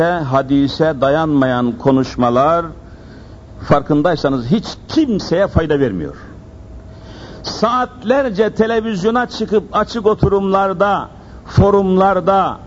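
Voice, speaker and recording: A man's voice: sits high, highs cut off, slight background noise. A man preaching a sermon into a pulpit microphone, emphatic and insistent, firing rhetorical questions and repeating his phrases. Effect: speaking into a pulpit microphone.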